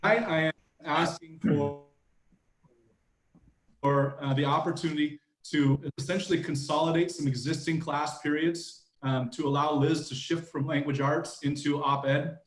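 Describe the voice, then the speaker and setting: A man's voice: on the high side, fairly even intonation, soft background music. Man on glitchy, cutting-out video call audio. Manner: halting, repeats words as he searches for them. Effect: glitchy audio that keeps cutting in and out. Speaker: school administrator presenting a proposal. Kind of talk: presenting to a school board. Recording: choppy video-call audio in an echoey room.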